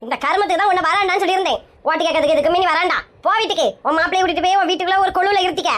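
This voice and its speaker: A woman's voice: very high-pitched, very fast, a bit bright. A woman with a Kanyakumari Tamil accent, acting a bossy, scolding elder sister in a comedy sketch.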